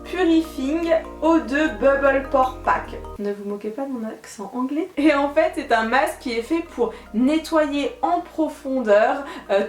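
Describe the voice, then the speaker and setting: A woman in a casual beauty vlog testing a product, chatty and playful, poking fun at herself, sometimes dropping to a soft murmur. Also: on the high side. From France. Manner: chatty, playful, self-mocking, calls viewers her warriors. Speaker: beauty YouTuber. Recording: echoey room, soft background music.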